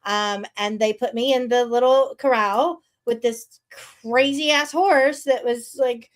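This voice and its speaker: A woman's voice: on the high side, a little slow, low-quality recording. A woman in her fifties telling her own story with candor and animation in a casual interview. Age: 50s.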